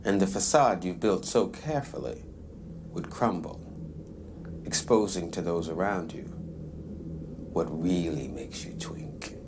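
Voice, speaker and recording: An actor playing a world-weary prison inmate who narrates in a blunt, sardonic, profane way. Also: male voice, sits low, sing-song, unhurried, pauses often, exaggerated voice. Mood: musing. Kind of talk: scripted TV drama monologue. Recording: audible background noise.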